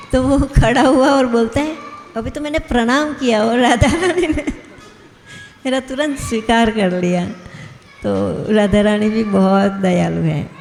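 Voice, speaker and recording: Gravelly-voiced woman giving a devotional talk. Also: medium pitch, warm tone, a little hiss or hum. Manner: storytelling, chuckles often. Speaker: guest speaker at a devotional gathering. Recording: echoey hall with long reverb.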